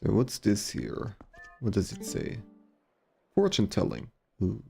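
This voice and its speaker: A woman with a very deep voice gives casual game commentary. She speaks slowly in a mellow tone, with faint music behind her. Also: big pitch swings, vocal fry. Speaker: video game streamer.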